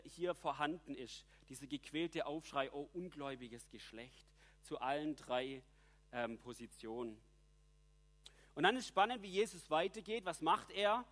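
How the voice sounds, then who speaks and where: A man's voice: fairly high pitch, a bit bright. A man preaching a reflective sermon, reading scripture passages aloud and explaining them earnestly.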